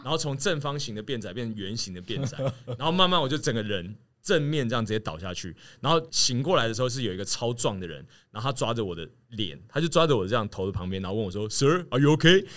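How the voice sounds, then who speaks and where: A man telling a story in casual chat, animated and laughing as he acts out what others said. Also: medium pitch, quick pace, hardly any pauses. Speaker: podcast guest telling a story.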